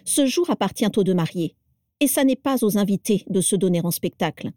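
Give me a woman playing a stern elderly wizard in an audiobook, cold and scolding, with a warm, dry tone. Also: medium pitch, expressive, brisk, dry recording, close to an everyday voice. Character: cold stern old wizard patriarch with a cane. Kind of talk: audiobook character reading.

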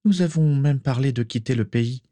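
A man doing a calm, wry witch in a storybook reading, with a raised, higher voice. Her delivery is dry and guarded. The sound is close and dry. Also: normal speed, no echo, natural voice.

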